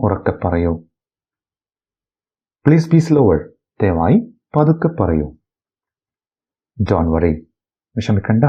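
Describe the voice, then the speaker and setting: A man from Kerala, reading out practice sentences for a lesson. His voice is husky and fairly low, and he lets the pitch rise and fall a great deal. Each line comes very slowly and deliberately on a dull, lo-fi recording. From Kerala, India. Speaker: English teacher. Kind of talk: bilingual phrase-by-phrase lesson.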